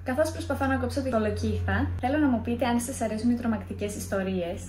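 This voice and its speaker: A woman's voice: a little high, a little mellow, echoey room, slight background noise. A young woman in a casual vlog, chatty and self-mocking as she tells scary stories. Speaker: vlogger.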